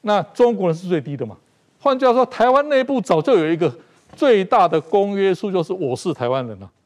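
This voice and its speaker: A man's voice: high-pitched, animated, brisk. A middle-aged man from Taiwan with a Taiwanese Mandarin accent, a talk show guest making emphatic political commentary and repeating phrases for stress. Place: TV studio.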